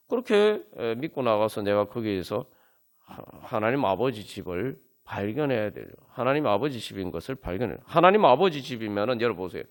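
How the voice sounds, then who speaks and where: A man preaching a sermon at a Friday prayer meeting, earnest and full of fillers, building to emphatic peaks. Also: fairly low pitch. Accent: Seoul Korean. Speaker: pastor. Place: church sanctuary.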